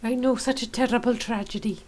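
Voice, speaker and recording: A woman's voice: on the high side, fairly even intonation, fairly quick. An English woman playing a tabletop game, joking about puns. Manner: jokey, laughs at puns. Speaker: player. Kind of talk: casual tabletop game play.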